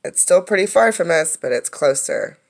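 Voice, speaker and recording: A woman reads aloud from a children's science book in a teacherly way, pausing to explain, comment, or pose questions. Her voice sits low and is distinctly creaky, with pitch that swoops wildly.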